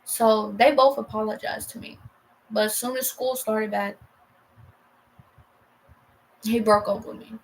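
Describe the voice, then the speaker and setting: A woman's voice: on the high side, steady tone, measured pace, long pauses, a little hiss or hum, rough recording. A young woman casually telling a personal story on a vlog, heated and profane, rambling with lots of fillers and restarts.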